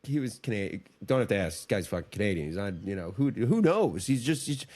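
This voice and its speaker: A man's voice: fairly low pitch, very animated, fast, a little mellow. A man co-hosting a podcast in casual, crude, joking chat that rambles and restarts. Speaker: podcast co-host.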